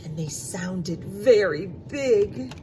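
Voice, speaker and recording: She draws out her words in a medium-pitched voice, reading a storybook to young children with expressive animation. Sound words get stretched, asides go to the listeners, and soft music plays in the background.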